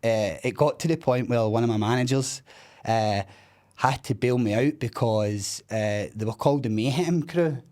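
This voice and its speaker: Speaking casually in an interview, a thirty-something man from Scotland, by his own account a loudmouth, gives a blunt, candid telling of his story, heavy on swearing. The voice is mid-range and moves at normal speed.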